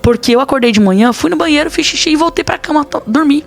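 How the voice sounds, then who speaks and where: A woman's voice: high-pitched, fast talker, vocal fry, faint music behind. A woman pastor with a Brazilian accent, telling a personal testimony in a podcast interview in an earnest, dramatic way. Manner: earnest, dramatic storytelling with quoted dialogue.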